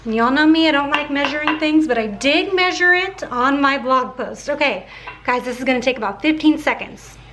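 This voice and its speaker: High-voiced woman with a slight lisp. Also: moderate pace, a bit bright, slight background noise. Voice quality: slight lisp from dental aligners. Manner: chatty, addresses viewers as guys, many fillers like 'like'. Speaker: cooking vlogger. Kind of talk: casual kitchen vlog chat.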